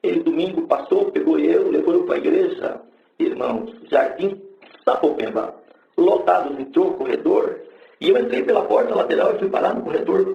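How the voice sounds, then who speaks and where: Gravelly man giving a fervent testimony. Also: on the high side, roomy sound, highs cut off. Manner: fervent storytelling, rising to exclaimed praise. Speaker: church member giving testimony. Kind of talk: religious testimony to a congregation.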